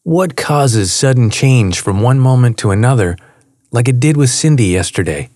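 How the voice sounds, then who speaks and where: A man's voice: mid-range voice, expressive, moderate pace, darkish tone, no echo, studio quality, natural voice. A man voicing an earnest middle-aged man who asks direct questions.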